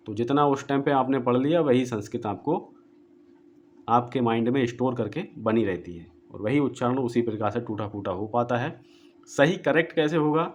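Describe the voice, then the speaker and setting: Man glossing Sanskrit verses slowly. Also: mid-range voice, a little hiss or hum. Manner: slow deliberate word-by-word glossing of Sanskrit. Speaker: Gita book presenter. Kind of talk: explanatory book walkthrough.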